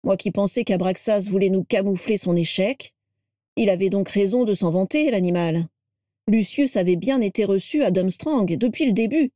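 A woman's voice: medium pitch, moderate pace, mellow, no echo, studio quality, natural voice. A woman reading a storybook aloud and voicing a sour, grumbling male wizard. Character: rattled aristocratic wizard, man, sour.

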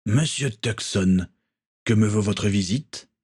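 Guy reading a calm bossy sea captain, low and kinda husky, slow and deliberate. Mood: measured. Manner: measured, commanding. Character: stern, calm male ship captain.

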